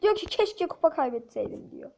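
A woman with a high, bright-sitting voice chats playfully to her viewers while she plays, swinging quickly between excitement and teasing complaints. Faint background noise runs under her casual gameplay commentary. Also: vocal fry. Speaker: gaming channel host.

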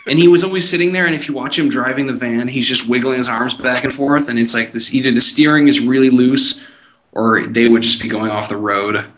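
A man's voice: medium pitch, a little fast, a bit bright, rough recording. A man co-hosting a podcast, telling rambling anecdotes in casual comedic chat. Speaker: podcast co-host.

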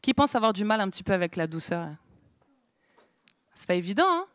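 A woman's voice: medium pitch, very animated, brisk, clear, resonant tone, no room sound. A woman giving an interactive Bible lesson to a small group, asking them questions and writing on a board as she goes. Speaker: Bible teacher. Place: meeting room with a small group.

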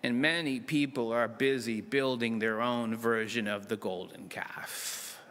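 A middle-aged man preaching a sermon from a church pulpit, acting out dialogue with dramatic swings between loud and soft. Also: mid-range voice, measured pace. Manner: dramatic, voices God and Moses in lively asides. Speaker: pastor. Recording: long church reverb.

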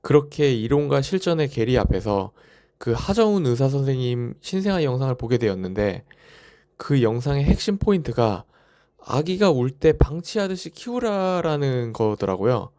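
A young new father with a dark, mellow, mid-range voice narrates his parenting vlog at a normal pace. His delivery is sing-song, and he tells personal stories in a reflective way.

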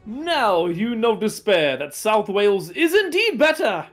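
A male fighting-game commentator with a high, bouncy voice that swings all over. He talks fast and excitably, cracking jokes and going off on rambling explanations. Faint music plays underneath. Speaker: esports commentator.

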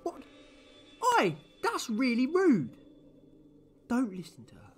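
An actor playing an eccentric, confident time-travelling hero in a sci-fi audio drama, animated and theatrical. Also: male voice, extremely high pitch, slightly rough, heavily acted. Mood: playful, affronted. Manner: animated, theatrical, quick to bluster.

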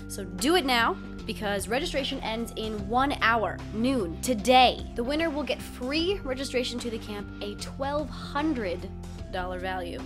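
Woman, twenties, croaky laryngitis voice, scripted news presenter, music in the background. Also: a little high. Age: 20s. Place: indoors, facing camera, music behind.

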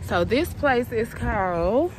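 A woman's voice: a little high, takes it slowly, background noise. Chatty woman vlogging at a market. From Texas. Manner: chatty, addresses viewers as y'all, animated. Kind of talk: casual vlog talk to camera. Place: outdoor farm stand and indoor market. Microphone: phone held at arm's length.

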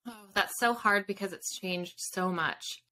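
A fiction author in her thirties chats informally as a guest in a casual interview, thinking aloud over a video call from a home room lined with bookshelves. Her mid-range voice is sharp in tone and a little slow, and the audio quality is poor.

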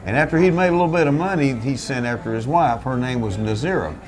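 A man's voice: mid-range voice, lively intonation, quick pace. An older man tells the story of his family's restaurant in a loose, folksy ramble, often restarting his sentences. He talks seated at a table in a small back room, recorded by a camera set in front of him. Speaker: restaurant owner. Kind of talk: relaxed storytelling interview.

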